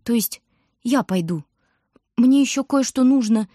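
A woman's voice: on the high side, animated, a little slow, warm tone, no echo, studio quality, voice pushed up. A woman voicing a dreamy, brave young lighthouse keeper's daughter who speaks earnestly. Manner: earnest, breathless. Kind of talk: audiobook character voice.

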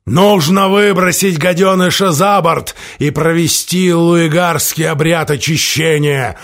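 A man doing a booming giant shaman. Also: fairly even intonation, a bit bright. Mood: roaring alarm. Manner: booming, roaring, drawn-out threats. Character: huge superstitious male ship shaman.

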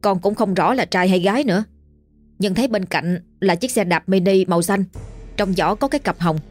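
A woman voicing a young village man, rushed, fretful and gossipy. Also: mid-range voice, a little mellow, soft background music, close to an everyday voice.

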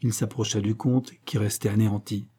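Measured male reader, dark husky voice, classic novel. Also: fairly low pitch, flat delivery. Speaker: audiobook reader.

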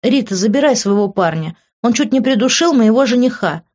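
A woman voicing an angry, jealous young woman who scolds in a raised, shrill voice. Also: lively intonation, unhurried, highs cut off. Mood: furious scolding.

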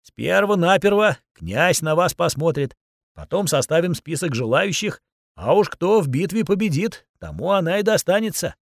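A man puts on a sullen old woman in this audiobook, the elder who keeps the women in line. She speaks in a measured, curt, matter-of-fact way, her voice raised somewhat above his own. She sounds close and dry. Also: on the high side, lively intonation, gravelly, no echo, voice pushed up, heavily acted. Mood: flat, curt.

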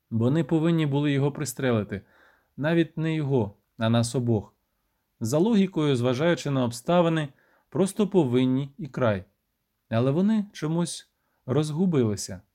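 Mellow-voiced man reading a novel. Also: medium pitch. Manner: even storytelling that lifts and grows loud for shouted lines. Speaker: audiobook narrator. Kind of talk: first-person audiobook narration.

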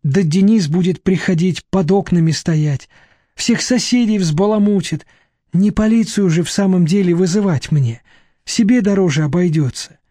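Reading an audiobook, a man voices a timid, fearful, self-pitying young woman who pleads plaintively in an agitated mood. His mellow voice sits high, above his own natural pitch but close to an everyday voice, at a moderate pace in a dry, studio-quality recording.

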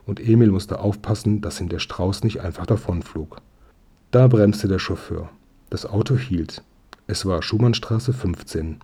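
A man reading a children's story aloud as narrator in a calm, even manner. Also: low voice, unhurried, husky. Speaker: audiobook reader.

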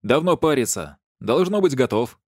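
A man's voice: mid-range voice, animated, normal speed, darkish tone, no room sound, studio quality, pitched above the performer's own voice, natural voice. A man voicing a grumpy, flustered male werewolf who grumbles and snaps, in an audiobook. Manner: grumbling, snapping.

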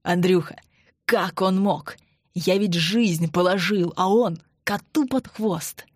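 A woman's voice: on the low side, takes it slowly, no room sound, studio quality. A woman reading the lines of a furious older father who has lost his business to a fire. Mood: bitter. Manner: bitter, hoarse outbursts.

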